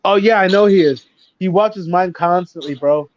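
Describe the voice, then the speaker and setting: A man chatting casually and telling stories in an animated way, full of swearing. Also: high-pitched, moderate pace, a little hiss or hum. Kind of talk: casual chat. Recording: dull lo-fi sound.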